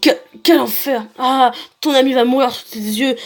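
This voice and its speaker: A man's voice: very high voice, steady tone. Young man doing a sneering alien tyrant. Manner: sneering, measured taunts.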